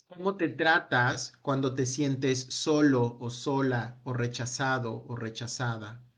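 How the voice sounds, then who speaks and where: A man leading a self-help workshop, asking a long run of gentle reflective questions that trail off with a quiet "no?". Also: medium pitch, fairly even intonation, takes it slowly. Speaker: workshop speaker.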